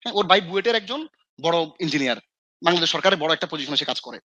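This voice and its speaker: A Bangladeshi man, an Islamic scholar and mentor, talks casually with students, acting out his scolding and slipping in English phrases. His voice is slightly high, husky, pushed and bright, delivered in an animated, rapid-fire way with no echo.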